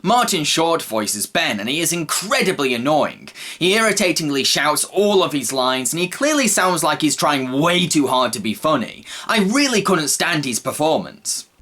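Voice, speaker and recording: Bright, animated male film reviewer. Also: fairly high pitch, moderate pace, few pauses. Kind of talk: scripted review narration. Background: faint background music.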